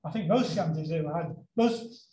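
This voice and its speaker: A man's voice: a little high, normal speed, mellow, slight background noise. A man answering audience questions about sea shanties in a chatty, hesitant way, with many ums. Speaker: guest speaker on sea shanties. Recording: roomy echo.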